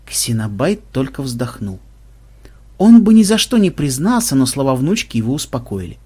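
Husky man narrating a comic tale. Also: mid-range voice, very animated, normal speed, darkish tone. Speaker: audiobook narrator. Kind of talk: scripted narration.

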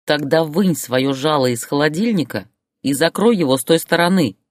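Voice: mid-range voice, sing-song, normal speed, darkish tone, dry recording, clean studio sound. A storyteller voicing a fed-up wife who answers with mocking, biting retorts, in an audiobook character voice. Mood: cutting. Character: fed-up wife, adult woman, turning sharp-tongued.

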